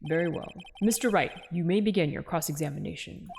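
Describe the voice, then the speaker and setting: A woman voicing a stern elderly male judge, speaking slowly and formally. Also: on the low side, creaky, a little mellow, slight background noise, voice pushed down.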